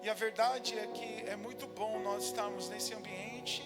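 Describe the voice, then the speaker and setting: A man from Brazil preaching a sermon as pastor, praying fervently and building to loud, intense declarations. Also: high voice, steady tone, unhurried. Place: church sanctuary. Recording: music and long hall reverb.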